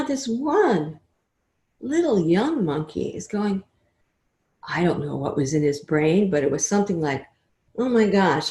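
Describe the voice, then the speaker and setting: An older woman giving a webinar talk, telling stories expressively and often trailing off into a soft, quiet voice. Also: fairly low pitch. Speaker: webinar speaker. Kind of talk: storytelling talk. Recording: roomy echo.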